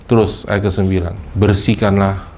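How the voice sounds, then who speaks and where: With a little background noise, a pastor moves through his sermon at a moderate pace in a lively, conversational way. He switches into English phrases now and then and voices people's excuses in a higher register.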